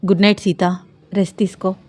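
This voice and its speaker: A woman's voice: mid-range voice, little pitch movement, fast talker, mellow, breathy edge, no room sound, close to an everyday voice. Woman voicing a teasing young husband. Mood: subdued.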